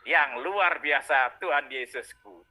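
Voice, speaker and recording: A man preacher tells his personal testimony over a video call. His voice is very bright and slightly high. He tells it with animation, acting out other people's voices and sounds along the way. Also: slow, low-quality recording. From Indonesia, Malang.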